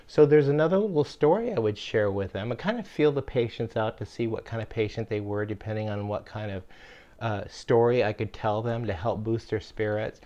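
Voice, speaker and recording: An older man who hosts a homestead channel tells jokes from his caregiving days, rambling in a folksy way with plenty of fillers. His voice is lowish and dark, he talks fairly quickly, and the high frequencies are cut off. It's casual storytelling.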